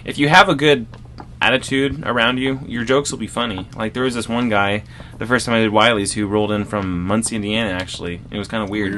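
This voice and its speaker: A man's voice: lowish voice, steady tone, fairly quick, bright, forceful tone, a little hiss or hum. A man who is a guest comedian, chatting casually on a podcast and telling rambling, self-deprecating anecdotes.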